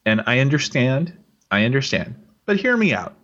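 A man's voice: mid-range voice, sing-song, normal speed, a bit bright, highs cut off. A man co-hosting a podcast in casual chat, rambling with restarts and fillers. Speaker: podcast co-host.

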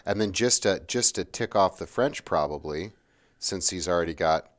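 A man's voice: deep voice, expressive, moderate pace. A man in a casual history chat, rambling and checking in with his partner as he goes.

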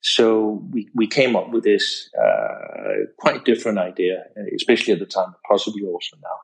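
A man in his fifties from Denmark, a guest on an interview podcast, speaking in a measured, hesitant way with many fillers. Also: on the low side, big pitch swings, gravelly, breathy edge, rough recording. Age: 50s. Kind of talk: casual interview.

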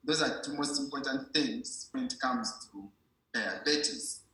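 In a very echoey room, a man explains a medical matter informally and unhurriedly, his medium-pitched voice pushed and bright. He teaches as he goes, repeating points and making sure the listener follows.

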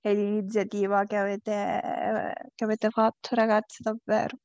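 A woman's voice: mid-range voice, level tone, darkish tone, dry recording, lo-fi sound. Woman with a Calabrian southern Italian accent. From Calabria, southern Italy. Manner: halting, repeats phrases and loses her thread. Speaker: interview guest, patient advocate with an awareness page. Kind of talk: casual conversational interview.

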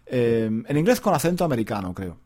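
Man, Spain Spanish accent, podcast host, casual monologue, lively swooping pitch, rambling, self-correcting. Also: a little fast. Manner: rambling, self-correcting, with frequent rhetorical tags.

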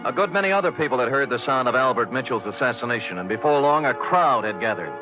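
A man's voice: medium pitch, animated, quick pace, close to an everyday voice. Wry tough detective, voiced by a man, dry wit, lo-fi old radio with music. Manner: dry, wisecracking. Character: wry hard-boiled male private detective narrating. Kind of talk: 1950s radio drama narration.

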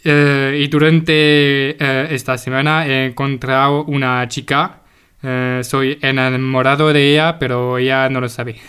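A French-speaking man, leaving a voice message for a podcast he follows, talks informally in learner Spanish, hesitating and searching for words. His mid-range voice is smooth, bright and forceful, with a level tone and an unhurried pace.

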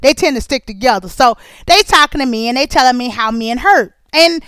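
Female host, high ringing voice, chatty colloquial storyteller, dry close sound. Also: clean tone, dry recording. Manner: chatty, nosy and animated, talking straight to listeners; colloquial, drawn-out asides and repeated phrases. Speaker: podcast host. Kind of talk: casual storytelling monologue.

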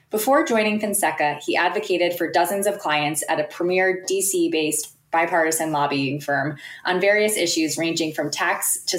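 A woman hosting a podcast interview in a polished, businesslike way, in prepared sentences. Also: on the low side. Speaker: podcast guest host and interviewer. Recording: echoey, roomy sound.

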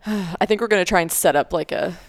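Young woman podcasting, chatty w lots of ums, smooth lowish voice, dry close sound. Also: moderate pace, no echo. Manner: chatty, many fillers, laughs easily. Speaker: podcast co-host. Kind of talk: casual chat.

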